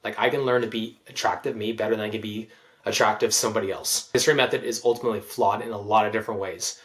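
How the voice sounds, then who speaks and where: Male dating coach, quick and profane, rambling commentary voice. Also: on the low side, steady tone, fairly bright tone. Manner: rambling, filler-heavy, swears a lot. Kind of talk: casual reaction commentary.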